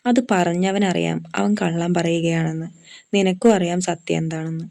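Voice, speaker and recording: A woman's voice: fairly low pitch, level tone, normal speed, vocal fry, warm tone. A woman voicing a caring young woman friend who talks in a firm, reassuring way.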